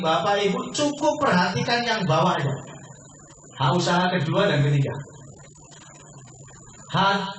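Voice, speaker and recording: A man giving a persuasive business sales pitch to a seminar audience, asking questions and answering them himself. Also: fairly bright tone. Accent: Indonesian. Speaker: business presenter. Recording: echoey room from far off, faint noise.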